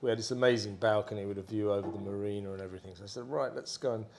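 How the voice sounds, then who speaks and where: A man's voice: lowish voice, level tone, rapid-fire, darkish tone, slight background noise. A man co-hosting a casual chat, swearing a lot and acting out what people said as he rambles through a story. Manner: sweary, rambling storyteller who acts out quotes. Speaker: podcast co-host.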